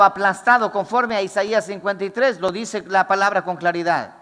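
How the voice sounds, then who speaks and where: A man's voice: sits high, pushed and bright, long reverb tail. A male pastor preaching a fervent, emphatic sermon to a congregation in a church.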